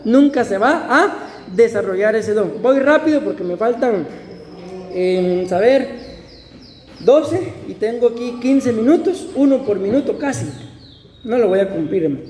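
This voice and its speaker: Man, pastor, sermon, conversational and jokey, rhetorical questions, mellow tone, roomy hall reverb. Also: very high-pitched. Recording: roomy hall reverb, faint background ambience.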